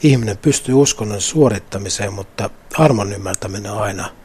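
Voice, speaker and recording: A man's voice: lowish voice, a little mellow, slightly rough. A middle-aged man, a guest, talking earnestly and thoughtfully about faith with some restarts. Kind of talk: reflective faith talk.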